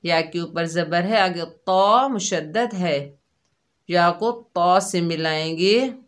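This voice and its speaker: A woman teaching Quran recitation rules step by step, explaining each letter patiently and then chanting the syllables drawn out and louder. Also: on the low side, takes it slowly. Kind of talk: tajweed lesson, slow syllable drills.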